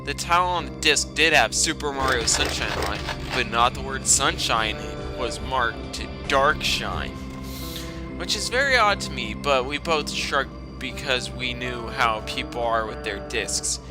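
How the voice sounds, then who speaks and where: With music underneath, a man speaks at medium pitch, animated but unhurried. He hosts a storytime reading series, giving a sarcastic and profane dramatic reading full of exasperated commentary, his throat affected by a lingering cough.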